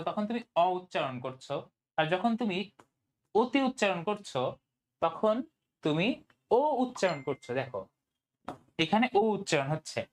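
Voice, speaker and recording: A tutor teaching an online Bangla grammar class, often asking "okay?" and mixing in English words. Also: medium pitch. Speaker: admission test tutor.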